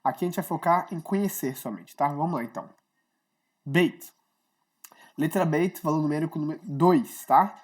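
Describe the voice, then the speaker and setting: Woman, online language teacher, casual explaining, lower-pitched voice, keeps checking in with listeners. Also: a little mellow, breathy edge. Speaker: Hebrew teacher.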